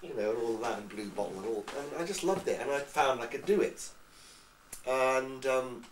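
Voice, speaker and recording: A man from England, an actor being interviewed, telling lively anecdotes and slipping into accents. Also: medium pitch, normal speed. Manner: lively storyteller, slips into accents. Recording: echoey room, far from mic.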